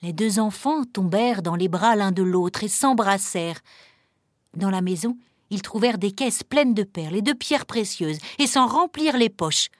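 A woman narrating a fairy tale in a calm, measured reading with dramatic pauses. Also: mid-range voice, no echo, clean studio sound. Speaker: storyteller.

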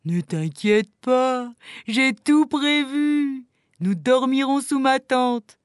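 A woman voicing a calm, cheerful, carefree female bear who talks in an unhurried, affectionate way, in a storybook reading. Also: high-pitched, dry recording, clean studio sound. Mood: easygoing.

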